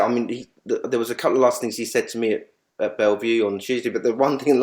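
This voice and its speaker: Male guest, mid-pitched, rambling and halting, animated anecdotes. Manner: rambling, halting with many restarts. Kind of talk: reminiscing in an interview.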